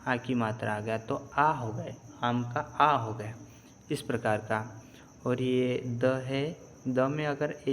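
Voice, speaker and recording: A man's voice: medium pitch, a bit bright, slight background noise. A man teaching a reading lesson step by step, patiently repeating and spelling out syllables.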